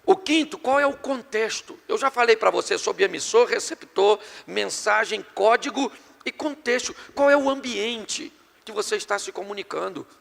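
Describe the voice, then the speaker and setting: Brazilian man, middle-aged pastor, gravelly, bright tense voice, long hall echo. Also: high voice, moderate pace. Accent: Brazilian Portuguese. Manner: animated, joking with the congregation. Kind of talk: sermon on marriage and communication. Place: church hall before a live congregation.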